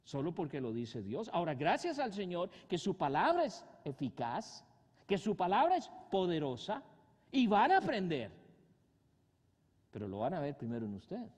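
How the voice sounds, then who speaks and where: A male pastor delivers a sermon with a fairly high voice and very lively pitch. He fires rhetorical questions at his listeners, rising loudly and then dropping low. His voice rings out with long reverb through a church hall. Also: normal speed. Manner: animated preaching with sudden loud rises and soft drops.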